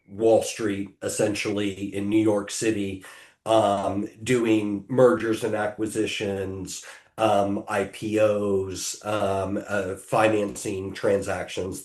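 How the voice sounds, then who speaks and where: Middle-aged American man, low-ish voice, hesitant and filler-heavy, recorded in an echoey room. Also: darkish tone. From United States. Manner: hesitant, many ums and restarts. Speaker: podcast guest, technology attorney. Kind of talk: casual interview answers.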